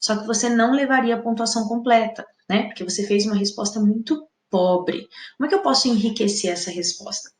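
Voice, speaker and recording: Patient Brazilian woman teaching in echoey room. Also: fairly high pitch. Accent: Brazilian Portuguese. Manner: patient, explanatory, keeps checking in with "né?". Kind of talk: exam-prep video lesson.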